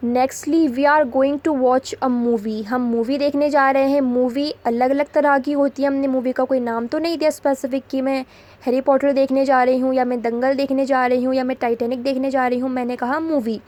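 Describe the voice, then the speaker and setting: A woman teaching English grammar in a Hindi lesson, explaining patiently and reading example sentences slowly. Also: high-pitched, level tone, a little mellow. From India.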